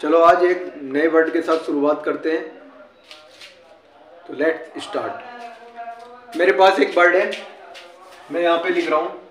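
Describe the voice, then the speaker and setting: A man's voice: fairly high pitch, takes it slowly, pauses often, a bit bright. A man with an Indian accent explaining English words like a teacher, often asking a question and answering it himself. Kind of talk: casual classroom-style explanation. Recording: echoey room.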